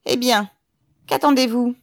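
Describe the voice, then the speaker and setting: A woman's voice: medium pitch, takes it slowly, no room sound, studio quality, voice pushed up. A woman voicing a cold, brutal middle-aged police commissioner who barks contemptuous commands in an audiobook. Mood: barking, furious.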